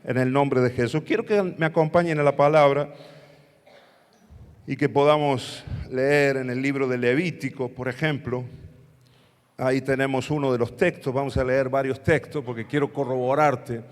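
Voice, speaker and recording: A pastor with an Argentine Spanish accent preaches a sermon in a large church hall, putting call-and-response questions to the congregation. His medium-pitched voice is steady and paced normally.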